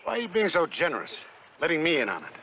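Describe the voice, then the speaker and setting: A man's voice: fairly high pitch, huge pitch swings, fast talker, sharp tone, a little hiss or hum, full character voice. An actor playing a shrewd, skeptical businessman with a curt, commanding manner in a vintage TV western. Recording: dull vintage TV soundtrack.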